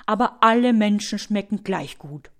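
A woman's voice: mid-range voice, expressive, normal speed, lightly acted. Storybook louse, female, lazy and self-pitying, sighs a lot, as a woman puts her on. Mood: plain. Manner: sighing and whiny. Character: lazy, sighing, sorry-for-itself head louse.

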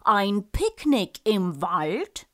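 A woman's voice: mid-range voice, very animated, drawn-out words. A woman voicing eager, anxious royal servants in a storybook read-aloud, offering ideas in stretched-out words.

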